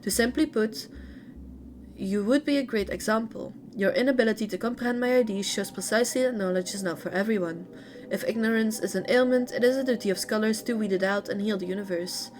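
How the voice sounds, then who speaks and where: A woman's voice: mid-range voice, fairly quick, a little mellow, slight background noise, natural voice. A woman reading as a proud, cutting genius scholar. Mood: condescending. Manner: cutting, condescending lecturing. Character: proud, sharp-tongued male genius scholar.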